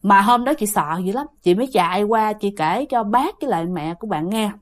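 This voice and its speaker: A woman's voice: mid-range voice, lively intonation, brisk. A woman narrating a ghost story in a chatty way, speaking straight to her listeners. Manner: chatty, talks to listeners directly.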